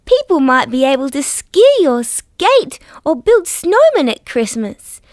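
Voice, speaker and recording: Kids' show dinosaur: Australian accent, gentle storyteller, very lively intonation, slow careful diction, close dry sound. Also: female voice, high-pitched, no room sound. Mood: gentle, cheerful. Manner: sweet, patient, carefully enunciated. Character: friendly, gentle female dinosaur teaching young children. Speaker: children's show character. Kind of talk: scripted storytelling for small children.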